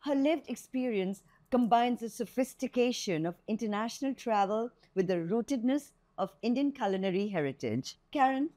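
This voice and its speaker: A woman's voice: fairly high pitch, expressive, warm tone. Woman hosting a podcast interview. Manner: measured, scripted introduction. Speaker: podcast host.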